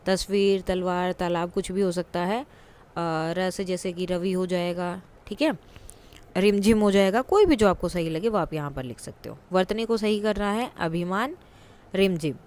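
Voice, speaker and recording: A woman teacher explaining a worksheet in a patient way, repeating words slowly for her students. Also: on the low side, a little mellow.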